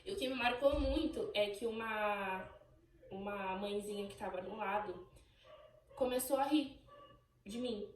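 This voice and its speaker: A young Brazilian woman telling her own story on her channel in an emotional, animated way, acting out what people said. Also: medium pitch, unhurried, long pauses, echoey room, distant mic, a little hiss or hum, rough recording. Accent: Brazilian Portuguese. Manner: emotional, animated storytelling, voicing remembered exchanges. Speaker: channel host. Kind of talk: personal birth story vlog.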